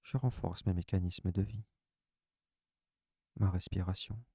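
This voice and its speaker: A man leading a guided relaxation session, giving calm, soft, unhurried instructions in the first person. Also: low-pitched, slightly rough, no room sound, clean studio sound.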